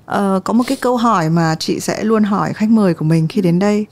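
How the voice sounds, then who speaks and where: A middle-aged woman hosts a relaxed podcast interview. Her voice is mellow and dark, and she asks thoughtful, open questions with plenty of filler sounds. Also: mid-range voice, fast talker. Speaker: podcast host.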